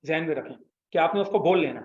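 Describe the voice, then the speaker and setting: A man's voice: fairly high pitch, expressive, quick pace, a little mellow. A man teaching an Arabic class, patiently explaining and prompting students to repeat after him. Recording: echoey room, slightly dull sound.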